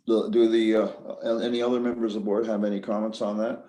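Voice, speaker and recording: A man runs a public meeting in a businesslike, procedural manner. His voice is soft-edged and mellow, sitting a little low. The sound is echoey, as in a reverberant room. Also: level tone, fast, a little hiss or hum. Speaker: planning board chair. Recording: roomy, echoey meeting audio.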